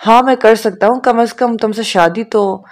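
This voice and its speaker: A woman's voice: a little high, close to an everyday voice. A woman reading the lines of an earnest young man proposing marriage, in a sincere, eager way.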